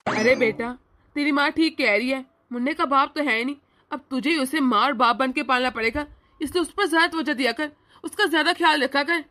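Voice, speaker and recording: A kindly father in a cartoon, voiced by a woman. He reassures his daughter gently in a very high voice. The tone is bright. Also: brisk. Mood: reassuring. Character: kindly older father of the bride. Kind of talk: cartoon voice acting.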